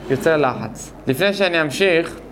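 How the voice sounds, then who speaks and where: A man gives a grammar lesson in a voice pitched a little high. He explains slowly, repeats each rule, and puts questions to his class. A faint hiss of noise sits under the recording. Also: animated, a bit bright. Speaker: Hebrew grammar teacher.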